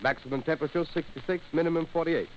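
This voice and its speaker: A brisk actor as a male weather announcer from 1930s radio, fairly high in pitch. He reads in a businesslike official style on a dull vintage broadcast. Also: fairly even intonation, a little hiss or hum, close to an everyday voice.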